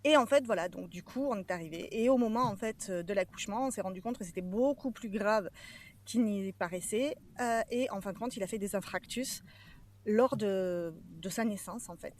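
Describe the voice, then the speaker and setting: A woman giving a personal testimony as a podcast guest, earnest and emotionally charged, often pausing to search for words. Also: mid-range voice, darkish tone.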